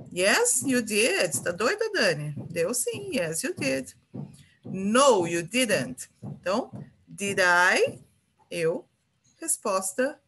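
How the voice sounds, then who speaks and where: A woman's voice: medium pitch, a bit bright, slightly rough. A Brazilian woman teaching an English grammar lesson, patiently repeating example phrases and checking in with her students.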